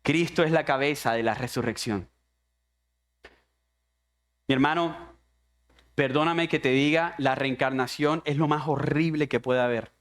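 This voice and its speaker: A man's voice: mid-range voice, a little slow, pauses often. A man preaching a sermon as pastor, impassioned and speaking straight to the congregation as his brother. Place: church.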